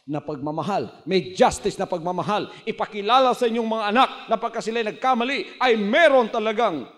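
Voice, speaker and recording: A man preaching a sermon as a pastor, reading scripture and pressing his points with sudden bursts of loudness. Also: sits high, brisk, in a large hall. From Philippines.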